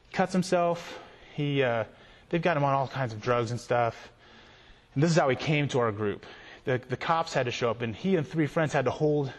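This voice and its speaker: A man speaking as a youth pastor, telling stories in an animated way and often repeating himself. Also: on the high side. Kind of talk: storytelling conference talk. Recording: long hall reverb.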